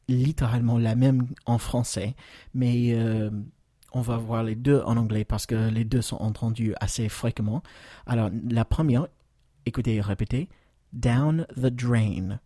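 An American man hosts a podcast lesson in a dark, mellow voice. He talks patiently, pausing often on fillers and slowing down for model phrases. The recording is close and dry, with no room sound. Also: medium pitch, no echo. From United States. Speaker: English teacher, podcast host.

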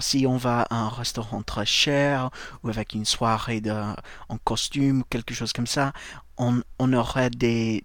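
Slow, careful man teaching. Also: mid-range voice, fairly bright tone, dry recording. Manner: slow and careful, repeats words and spells them letter by letter. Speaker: English teacher. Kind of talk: language lesson, slow spelled-out vocabulary.

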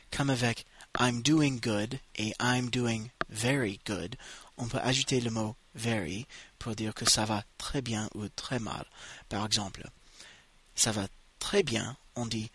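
Man, language lesson, bright husky tone, very slow delivery, dry close sound. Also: on the low side, dry recording. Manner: slow, drawn-out model phrases for repetition. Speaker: English teacher.

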